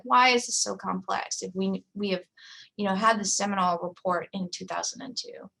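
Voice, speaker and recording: A woman in her forties gives a conference talk in a conversational style, full of fillers, asides, and "you know." Her medium-pitched voice is gravelly and a bit bright, and the recording is rough.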